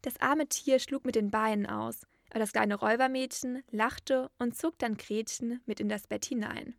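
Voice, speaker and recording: A woman narrating a fairy tale in a steady storytelling manner. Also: a little high, moderate pace, vocal fry, no echo, clean studio sound.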